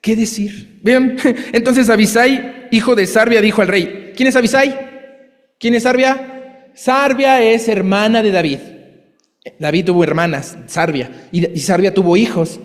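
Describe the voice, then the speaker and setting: High-voiced preacher in a reverberant hall. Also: male voice, a little slow. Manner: lively, conversational preaching with asides and acted quotes. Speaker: pastor. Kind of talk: sermon.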